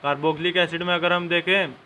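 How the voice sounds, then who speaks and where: A man's voice: fairly high pitch, little pitch movement, fast talker, pushed and bright, a little hiss or hum. A young man teaching a chemistry lesson step by step and speaking directly to his students. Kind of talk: classroom-style lesson.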